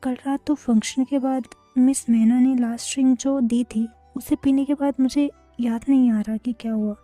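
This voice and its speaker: A woman voicing a reserved, sincere young man in a fan story retelling, speaking softly and haltingly. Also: high voice, fairly even intonation, no echo, faint music behind. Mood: earnest.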